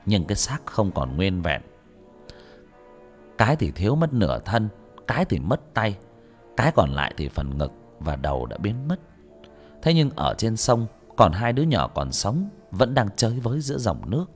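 A man narrating a horror story for an audiobook in a measured, steady delivery. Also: on the low side, faint music behind.

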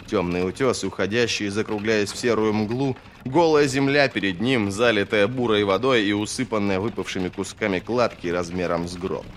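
A low-pitched male narrator reads a fantasy novel in a steady, expressive way. A faint hiss sits under the voice throughout. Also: moderate pace, hardly any pauses. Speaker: audiobook narrator.

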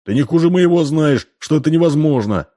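A man's voice: a little high, lively intonation, brisk, dark tone, voice pushed up, close to an everyday voice. A man doing a puffing, quarrelsome farmer. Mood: defensive. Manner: panting, grumbling.

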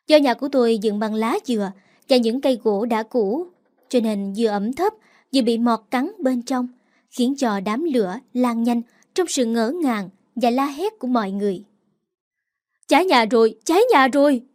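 A woman's voice: a little high, expressive, moderate pace, mellow. A woman narrating a dramatic first-person story aloud, reading with emotion.

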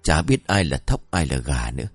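A man voicing a rowdy, boastful old drunk master in a comic story, bickering loudly. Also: very deep voice, big pitch swings, normal speed, faint music behind, voice pushed down, heavily acted. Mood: grumbling.

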